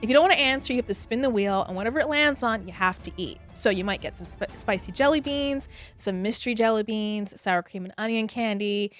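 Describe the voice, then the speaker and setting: A woman's voice: medium pitch, a little fast, few pauses, faint music behind. A woman hosting a casual chat game, bubbly and laughing as she explains the rules. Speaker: host.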